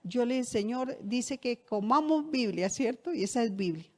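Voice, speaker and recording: A woman's voice: a little high, expressive, moderate pace. A middle-aged woman pastor, preaching a sermon in a conversational way and asking the congregation rhetorical questions. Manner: conversational, shares personal anecdotes.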